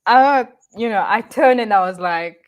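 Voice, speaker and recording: A woman's voice: medium pitch, normal speed. A woman in her thirties from Rwanda, a guest chatting cheerfully on a video call, laughing often and restarting her sentences. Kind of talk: casual interview chat.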